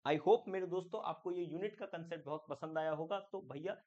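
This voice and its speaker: A man's voice: fairly high pitch, fairly quick, a little mellow, dull audio. A man teaching an exam-prep English grammar lesson, chatty, asking questions and answering them himself. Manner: chatty, calls the viewer "my friend", asks and answers his own questions.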